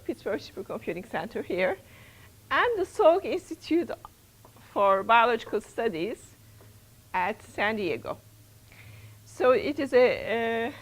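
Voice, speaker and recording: Woman, middle-aged, pitched a bit high; lecturer introducing a workshop, hesitant and restarting often. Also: low-quality recording. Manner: hesitant, many fillers and restarts. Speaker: principal investigator opening a workshop. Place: lecture room.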